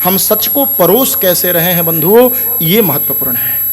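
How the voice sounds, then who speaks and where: A man preaching a scripture sermon with a notably high voice. He intones Sanskrit verses at a slow pace, then explains them in everyday speech, often turning to his listeners directly. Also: sing-song, a little mellow, a little hiss or hum. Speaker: Bhagwat Katha preacher. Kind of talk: devotional sermon with scripture recitation.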